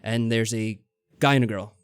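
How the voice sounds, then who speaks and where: A man hosts a let's play, casually and a little tentatively commenting on the game and reading its text aloud over game music. His fairly low voice is clear and resonant, steady in tone, at normal speed.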